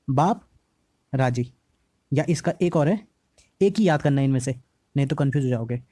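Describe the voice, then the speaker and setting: A male teacher with a slightly hoarse throat, giving a lesson on memory tricks. He repeats each mnemonic slowly and keeps checking in with the class. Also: fairly high pitch, warm tone, no room sound. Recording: dry, slightly dull lo-fi recording.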